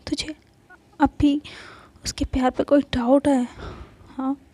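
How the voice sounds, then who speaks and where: A woman's voice: high-pitched, flat delivery, slow, dark tone, no echo. A woman voicing a young female friend who scolds and coaxes her friend in a spoken Hindi story. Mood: scolding.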